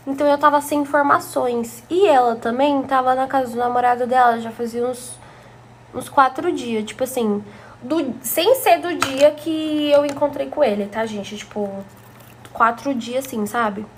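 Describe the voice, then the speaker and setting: A woman's voice: high-pitched, normal speed, slight background noise. A young woman from Brazil telling a personal story to her viewers in a chatty, gossipy way. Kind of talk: casual storytime narration.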